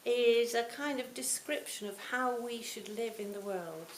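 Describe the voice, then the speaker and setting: A woman in her sixties giving a reflective Buddhist talk to a retreat audience, her phrases often trailing off softly. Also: on the high side, unhurried. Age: 60s. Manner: reflective, warm storytelling with soft trailing phrase ends. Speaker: Buddhist teacher. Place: retreat hall. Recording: roomy hall, faint hiss.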